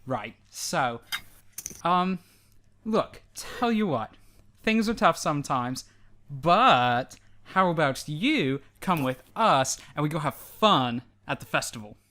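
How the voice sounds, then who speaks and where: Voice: medium pitch, expressive, slow, sharp tone. A player voicing Edward, a huge, friendly eight-foot male adventurer who talks in a chatty, rambling way.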